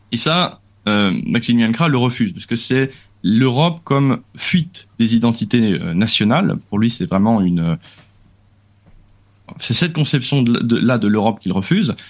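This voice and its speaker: A man taking part as a guest in a radio discussion, explaining at length with fillers and restarts. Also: mid-range voice. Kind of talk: radio talk-show discussion. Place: radio studio.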